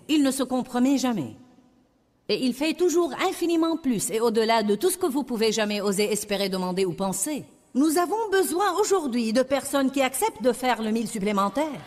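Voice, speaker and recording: A woman's voice: high voice, big-room sound. A woman preaching a sermon in a French voice-over, with emphatic, repetitive declarations.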